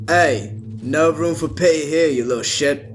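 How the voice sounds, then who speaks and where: A man's voice: fairly high pitch, normal speed, slight background noise, natural voice. A man voicing a crude soldier who earnestly believes in an ancient spirit. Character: male soldier, devout believer, crude and harsh.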